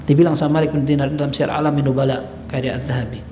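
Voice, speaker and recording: A male religious teacher giving a mosque study lecture, lively and acting out the dialogue he quotes. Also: medium pitch, very fast, slight background noise. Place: mosque hall. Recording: echoey mosque hall.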